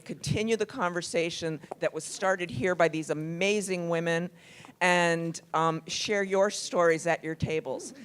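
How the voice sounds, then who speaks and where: Smooth-voiced event organizer making announcements. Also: mid-range voice, a bit bright. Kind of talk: announcements to an audience. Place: hotel ballroom event. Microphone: handheld microphone.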